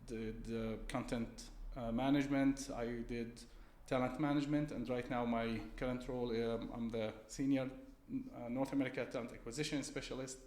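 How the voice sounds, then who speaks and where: A man, speaking as a guest on an interview podcast in a polite, steady and methodical way. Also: mid-range voice, normal speed. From Syria. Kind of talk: conversational interview. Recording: roomy echo.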